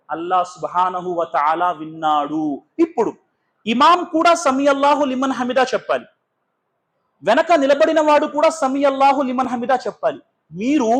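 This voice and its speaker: High-pitched guy with a telugu accent giving a prayer lesson, asks questions then answers them. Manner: switches between Telugu and Hindi. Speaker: Islamic teacher. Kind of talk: religious workshop lecture.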